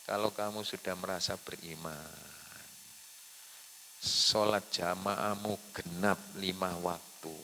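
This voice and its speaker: Javanese guy preaching in a mosque, really bright cutting voice, echoey hall, bit of hiss. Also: low voice. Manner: builds to loud emphatic lists, then drops soft. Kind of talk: sermon.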